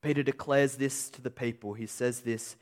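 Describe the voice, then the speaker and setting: A man preaching a sermon with an emphatic delivery, slowing on key phrases and swinging between loud peaks and quiet endings. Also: mid-range voice, steady tone. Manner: emphatic, rising and falling delivery with slow stressed phrases.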